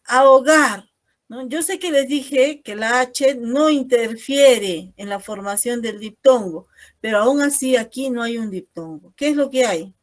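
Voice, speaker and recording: A woman's voice: fairly high pitch, measured pace, darkish tone. A woman teacher giving an online class over a video call, explaining patiently and ending most phrases with a questioning "no?".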